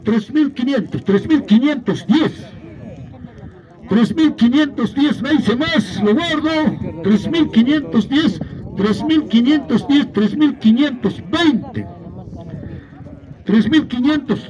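A man's voice: very high-pitched, highs cut off. A man working as a Spanish auctioneer at livestock sales, chanting rising bids in repetitive, rhythmic numbers. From Peru. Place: outdoor dirt livestock show ring. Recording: noisy outdoor fairground recording.

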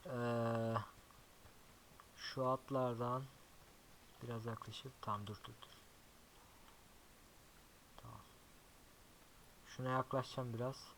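A young man giving casual gameplay commentary as a YouTuber, chatty and swearing often, talking softly to his horse now and then. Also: medium pitch, level tone, slow, long pauses, slight background noise, poor audio. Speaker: gaming YouTuber.

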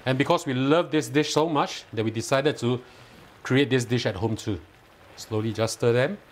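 Speaking at a moderate pace with a medium pitch, a man with a Singaporean English accent voices a cooking tutorial. He takes viewers through a home recipe step by step in his kitchen, instructive and mildly enthusiastic.

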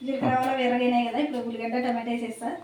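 Woman home cook, high and quick, chatty step-by-step talk, echoey kitchen with sizzling. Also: flat delivery, heavy background noise. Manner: chatty, explains each step as she cooks. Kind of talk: casual cooking chat. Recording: echoey room, frying sizzle behind.

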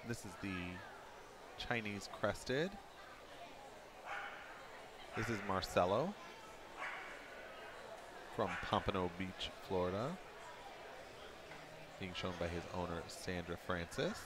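A man with a very deep voice provides broadcast commentary at a live dog show, relaxed and quick to joke at his own expense. Steady crowd noise sits underneath him.

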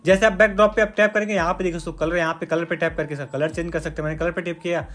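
Talking very fast in a fairly high, slightly bright voice with fairly even intonation, a man guides viewers through a phone editing app in a screen-recorded tutorial. He is chatty and repetitive, leaning on "dekhiye doston" and "bhai."

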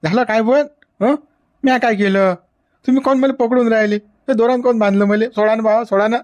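A man's voice: very high voice, steady tone, a little fast, darkish tone, dry recording. A man voicing a confused old village man who pleads and protests, speaking. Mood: pleading.

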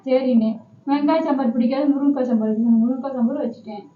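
Woman, high voice, pleads and scolds by turns; home-video audio, roomy and muffled. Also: fairly even intonation, racing, a little hiss or hum. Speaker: wife pranking her husband. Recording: dull, echoey room sound.

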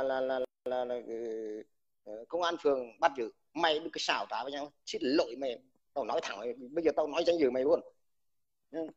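Fiery, abusive veteran on a dull recording. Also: male voice, on the high side, slightly rough. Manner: combative, insulting, addresses the listener with crude terms; stammers and repeats words when heated. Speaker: army veteran speaking out online. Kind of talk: angry livestream rant.

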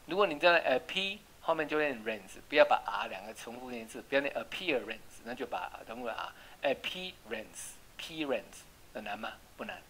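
Patient tutor spelling out English words. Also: female voice, a bass voice, a bit bright, slight background noise, low-quality recording. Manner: explains words patiently, spells out letters, drills repetition. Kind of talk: home English reading and spelling lesson.

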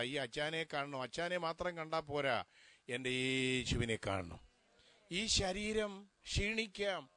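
Bright-voiced pastor preaching at a funeral. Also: male voice, a little high, no room sound. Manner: preaching with rhetorical questions to mourners. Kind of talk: funeral sermon.

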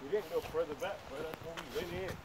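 A man with a slightly raised pitch chats casually with friends. His speech is slangy and full of swearing. The outdoor phone recording is very noisy. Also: quick pace. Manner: slangy, profane. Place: outdoors walking around derelict building.

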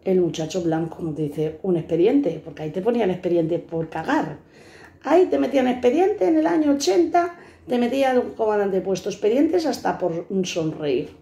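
A woman's voice: mid-range voice, normal speed, vocal fry, warm tone. Fiery, sweary woman in her fifties. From Spain. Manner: blunt, fiery and sweary, acting out the people she quotes. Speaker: vlogger telling her life stories. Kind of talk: personal storytelling to camera. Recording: echoey room.

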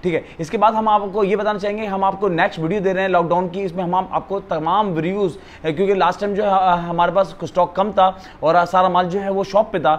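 A man with a Pakistani accent giving an eager, repetitive teleshopping-style sales pitch as a phone retailer. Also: steady tone, fast talker, few pauses. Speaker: phone retailer presenting stock. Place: living room of a house, indoors. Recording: some background noise in a room.

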